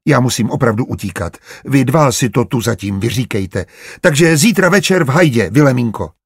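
A man's voice: mid-range voice, animated, gravelly, husky, no room sound, studio quality. A man voicing a thrifty, sarcastic older merchant uncle in an audiobook, impatient in manner. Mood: hurried. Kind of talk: audiobook character voice.

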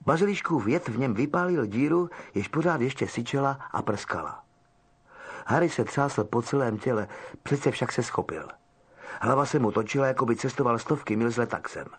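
A man reading a storybook aloud in a measured, expressive narration. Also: mid-range voice, breathy edge. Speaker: audiobook narrator.

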